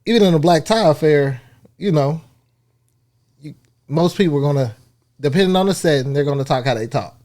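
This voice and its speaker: A man's voice: a little high, brisk, pauses often, mellow. A man with an American accent, co-hosting a podcast and arguing his point in long, earnest, blunt runs of casual chat. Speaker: podcast co-host.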